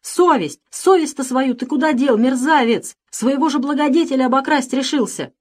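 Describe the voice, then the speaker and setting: A woman voicing a furious, hot-tempered gentleman who shouts in indignation. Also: on the high side, expressive, normal speed, voice pushed up.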